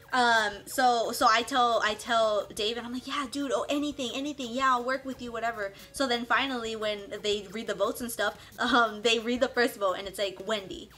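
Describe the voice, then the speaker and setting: A young woman casually recapping her time on a reality show, animated, acting out what others said in quick quoted asides. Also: on the high side.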